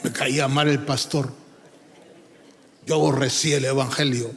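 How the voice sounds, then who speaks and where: A man's voice: medium pitch, steady tone, measured pace, a bit bright, some chatter behind. A man preaching a sermon with emphatic delivery, often calling out to his listeners as brother and breaking into sung lines. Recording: long hall reverb.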